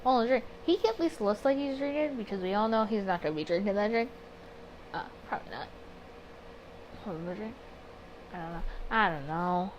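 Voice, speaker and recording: Speaking fairly quickly but with long pauses, this mid-pitched woman makes gaming videos, and the rough recording carries background noise. She chats expressively during a story-game playthrough, switching between reading text aloud and working through her own reactions.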